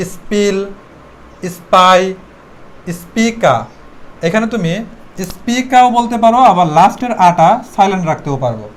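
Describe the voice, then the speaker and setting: A man with a Bengali accent teaching an English pronunciation class, explaining step by step and drilling words in repeated rounds. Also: high-pitched. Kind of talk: spoken English lesson.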